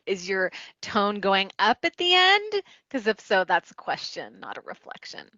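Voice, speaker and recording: A woman wellness coach teaches a coaching technique in an explanatory lesson, now and then voicing what a client might say. Her voice is bright and forward. The recording is dry, with a slightly muffled, dull tone. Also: mid-range voice, huge pitch swings, measured pace, no room sound. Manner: warm explanatory teaching, acts out client quotes. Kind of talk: instructional talk.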